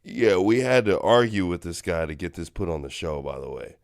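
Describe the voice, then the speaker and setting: A man co-hosts a sports talk show, reading out the next topics and laughing easily. His voice sits fairly low. The recording is dry, close and without echo. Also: expressive, a little fast, creaky, darkish tone. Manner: laughs often, reads prompts. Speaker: co-host.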